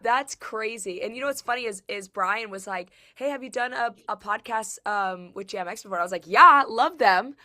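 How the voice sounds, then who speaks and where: A woman who is sick and sounds rough, chatting casually as a returning podcast guest and laughing often. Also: medium pitch, fairly quick, few pauses, sharp tone. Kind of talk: casual chat.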